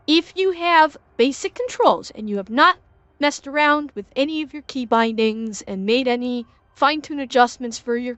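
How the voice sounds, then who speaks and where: A woman's voice: high-pitched, fairly bright tone, no echo. A woman giving a live gaming tutorial as an instructor, emphatically repeating key points and answering viewers as she goes. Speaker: instructor and host of a gaming lesson.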